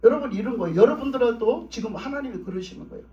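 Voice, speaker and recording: A man's voice: very high voice, lively intonation, quick pace, dark tone. A male pastor preaching a sermon in an emphatic, repetitive style to his congregation. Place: church sanctuary. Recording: roomy, distant, dull church recording.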